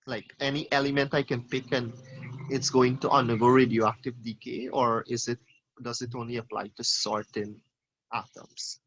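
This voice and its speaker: A man's voice: medium pitch, level tone, moderate pace, a bit bright, highs cut off. Man teaching an online class. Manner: questioning, calls on students by name. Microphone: video call.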